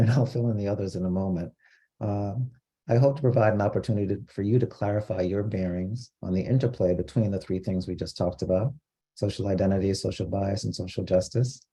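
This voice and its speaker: A man from Costa Rica giving an online training lecture, explaining terms in a measured way with frequent fillers. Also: lowish voice, warm tone, husky. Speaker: diversity trainer.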